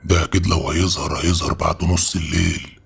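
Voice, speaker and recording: A man plays a pushy young Egyptian guy who presses his friends hard, in a deep, gravelly, husky voice. He sounds insistent and persuasive, storybook-style. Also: steady tone, quick pace, heavily acted. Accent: Egyptian Arabic.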